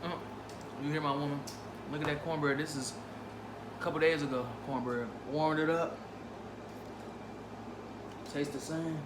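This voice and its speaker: A man's voice: on the high side, fairly even intonation, measured pace, pauses often. A man talking casually and informally as he reviews food, eating and savoring as he goes. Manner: informal, savoring with frequent appreciative mm sounds. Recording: roomy, echoey, clearly noisy home recording.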